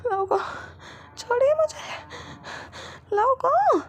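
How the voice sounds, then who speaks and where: A woman's voice: animated, very slow, heavily acted. A woman voicing a fragile young man in a fan story she reads aloud, pleading and pained, stammering and near sobs. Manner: high pleading voice, breaks into sobs; stammers in panic.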